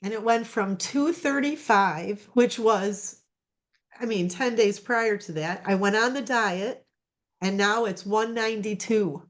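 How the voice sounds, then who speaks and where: A woman giving a casual personal testimonial over a video call, rambling with many fillers and restarts. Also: medium pitch. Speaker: program client giving a testimonial.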